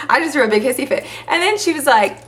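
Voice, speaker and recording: A young woman chatting to the camera as a vlogger, telling stories with lots of fillers in an animated way. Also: high-pitched, fast. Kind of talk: casual chat to camera.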